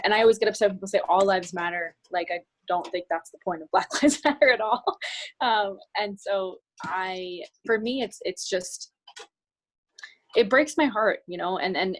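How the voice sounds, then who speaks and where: A woman's voice: mid-range voice, rough recording. A woman from the New Jersey area, a business coach and guest on a video call, talking earnestly and at length with many restarts. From New Jersey area, United States. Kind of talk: video call group discussion.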